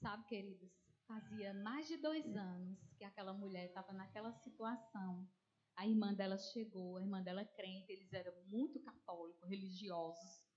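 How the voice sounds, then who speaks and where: A mid-range female voice at a moderate pace comes through lo-fi sound. With her Northeastern Brazilian Portuguese accent, she animatedly relates a testimony as a sermon, performing the voices of those involved and speaking to her listeners as dear ones.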